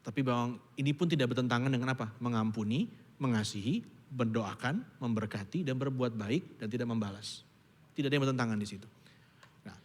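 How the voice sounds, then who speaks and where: A man preaching a casual, conversational sermon to his congregation, slipping into high squeaky voices to act out quoted dialogue. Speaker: pastor. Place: church auditorium. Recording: long hall reverb.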